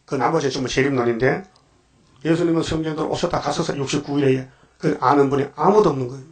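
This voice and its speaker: A man's voice: on the high side, fast. An older man preaching a dawn sermon as pastor, firing off rhetorical questions and sudden emphatic bursts.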